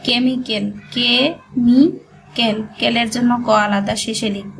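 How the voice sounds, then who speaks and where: A woman leads a shorthand lesson, splitting each word into syllables and saying them again and again. Her voice sits a little high and moves very slowly. A faint noise hangs behind the recording. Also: fairly even intonation, a bit bright, poor audio. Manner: breaks words into syllables and repeats them patiently. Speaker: shorthand teacher. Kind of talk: slow step-by-step dictation lesson.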